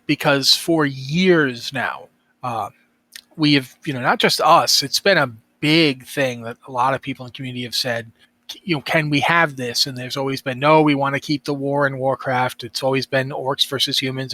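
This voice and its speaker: A man's voice: medium pitch, fairly even intonation, normal speed, pushed and bright. A man hosting a casual podcast, rambling and interrupting himself with a wry streak. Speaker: podcast host.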